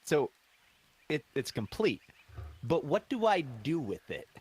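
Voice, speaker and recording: A man's voice: on the high side, sing-song, takes it slowly, husky. A man playing in a tabletop game over a call, his voice crackling and cutting out into robotic glitches from a loose cable, and breaking off mid-phrase. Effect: crackling, cutting-out robotic audio from a loose cable. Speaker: player. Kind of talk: casual tabletop game chat.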